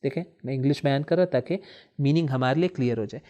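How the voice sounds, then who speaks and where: A man teaching Arabic words of the Quran in a classroom-style lesson, asking questions and answering them himself, repeating each word slowly and mixing in English terms. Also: medium pitch, warm tone.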